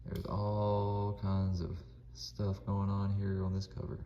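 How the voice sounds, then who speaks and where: A man with a lowish voice speaks slowly and with a completely flat delivery while hosting a comic book channel, moving between casual vlog chatter and dramatic read-aloud narration. The audio has its highs cut off, and the indoor room is echoey with audible background noise.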